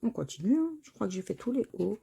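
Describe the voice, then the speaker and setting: A woman's voice: mid-range voice, big pitch swings, fast talker, vocal fry, dark tone, slightly rough. A woman chatting casually to viewers as she scratches tickets, spelling out letters one by one. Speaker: scratch-card vlogger.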